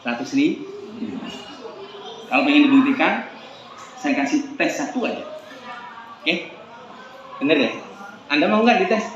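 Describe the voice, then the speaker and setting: A man in his forties giving a joking, animated parenting seminar talk and putting questions to the audience. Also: a little high, a little slow, long pauses. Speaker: seminar speaker. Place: seminar hall. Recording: echoey hall, dull lo-fi sound, clear room noise.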